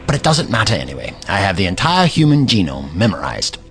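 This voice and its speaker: A man as the Doctor, animated eccentric Time Lord. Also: sits low, fairly quick, full character voice. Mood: confident. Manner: precise, theatrical, formal diction. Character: clever, eccentric alien Time Lord hero, male, earnest. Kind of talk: audio drama acting.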